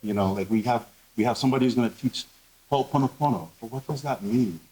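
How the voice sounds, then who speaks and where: A man's voice: mid-range voice, quick pace, mellow, poor audio. A man speaking candidly on a conference panel, earnest and full of fillers. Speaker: panelist, behavioral health professional. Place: conference room.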